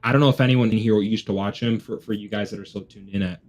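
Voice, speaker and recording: A man's voice: fairly low pitch, fairly even intonation, quick pace, darkish tone. A young man hosting a sports watch party, chatting casually like a frat bro with lots of bro and dude. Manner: frat-bro slang, constantly says bro and dude. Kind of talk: casual live stream chat.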